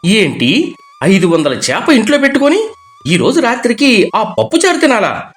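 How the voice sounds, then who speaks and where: A man's voice: high voice, wildly swooping pitch, moderate pace, a bit bright, faint music behind, exaggerated voice. A man voicing a young adult son who complains about his dinner. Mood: whiny. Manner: complaining, whiny.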